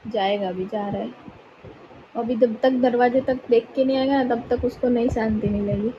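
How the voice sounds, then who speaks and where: A woman vlogger talks casually into her phone, breaking into cooing baby talk for her dog. Her voice sits a little high. The audio is dull and lo-fi, with a clear bed of household noise behind her. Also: steady tone, normal speed. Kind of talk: casual vlog chat.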